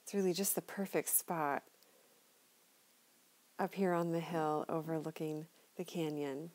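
A woman's voice: sits low, level tone, measured pace, darkish tone. Upbeat woman narrating a driving tour. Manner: upbeat, chatty, enthusiastic. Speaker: local real estate tour guide. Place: inside a moving car.

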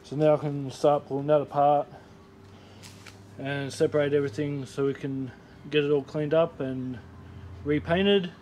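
A relaxed man narrates his car restoration as he works in a home garage, chatting loosely and thinking aloud. His voice sits a little high for a man. It is picked up on a phone or action camera, with a faint hiss behind it. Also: measured pace, pauses often. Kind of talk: casual workshop commentary.

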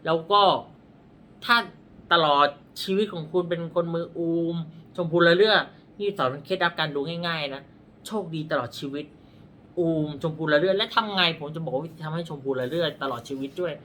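A man's voice: on the high side, moderate pace, bright, forceful tone, a little hiss or hum. A man reading palms, explaining in a blunt, rambling way, correcting himself as he goes and pointing at his own hand, with a dry throat. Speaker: palm reader. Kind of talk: casual explanatory talk.

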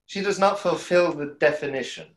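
A man in his thirties, lightly acting in a voice on the high side at a moderate pace, plays a self-doubting conjurer in a play read over video call. The tone is wistful and storytelling, hesitant and reflective. He's in a small home room, and the audio carries the roomy echo of the call.

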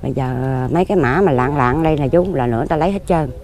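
A Southern Vietnamese woman in her fifties speaks rapidly in a voice that sits low. She is a lottery ticket seller interviewed casually outdoors among graves, plain-spoken, rambling and earnest.

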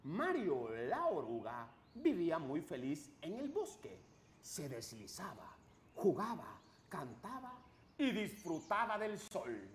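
A man's voice: on the high side, wildly swooping pitch, slow pace, roomy sound, slight background noise, exaggerated voice. A middle-aged man playing a cheerful, childlike clown host of a kids show, speaking in an exaggerated, wide-eyed, theatrical way. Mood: storytelling. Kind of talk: kids show host, animated story reading.

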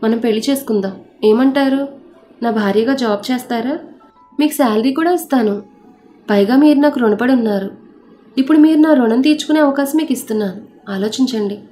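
A woman's voice: fairly high pitch, fairly quick, pauses often, dark tone, soft background music, close to an everyday voice. A woman storyteller voicing a rich, arrogant young man who teases, then makes blunt proposals. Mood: brisk.

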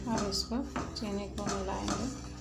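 A woman hosting a cooking channel, talking viewers calmly through a recipe step by step in a voice-over. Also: medium pitch, unhurried, vocal fry. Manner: calm step-by-step explaining, addresses viewers as friends. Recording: echoey room with music behind.

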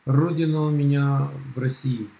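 A man's voice: mid-range voice, steady tone, moderate pace, dark tone, rough recording. A middle-aged man on a video call at home, arguing in a blunt, mocking, dismissive way. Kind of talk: heated casual argument.

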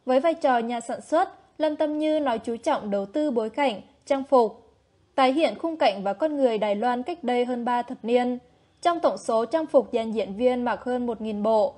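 Woman reading entertainment news, higher voice. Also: moderate pace, darkish tone. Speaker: news narrator. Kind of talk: scripted entertainment news narration.

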